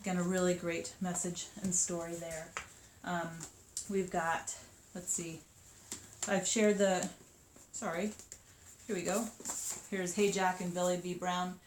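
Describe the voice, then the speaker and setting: A woman's voice: on the low side, flat delivery, measured pace. Chatty woman in an echoey room. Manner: chatty, upbeat, many ums. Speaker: children's book seller. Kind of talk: casual book showcase. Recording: echoey room with faint noise.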